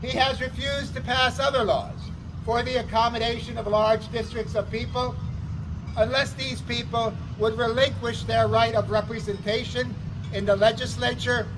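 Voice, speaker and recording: A man playing a town crier, delivering a formal proclamation in deliberate, declamatory short phrases, outdoors. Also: very high voice, steady tone. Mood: solemn, proclaiming. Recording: outdoor recording with faint traffic noise.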